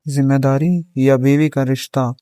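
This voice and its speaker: A man voicing a patient, devoted young woman in a storybook reading, with a soft pleading delivery. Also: medium pitch, little pitch movement, clear, resonant tone, no room sound, clean studio sound, lightly acted.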